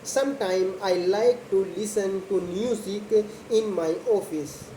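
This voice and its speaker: A young woman, not a native English speaker, talking very slowly and deliberately in short simple phrases as a practice monologue for learners. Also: medium pitch, warm tone. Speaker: host of a slow English speaking practice video. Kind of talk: slow spoken monologue about a daily routine for English learners. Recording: echoey room with faint background noise.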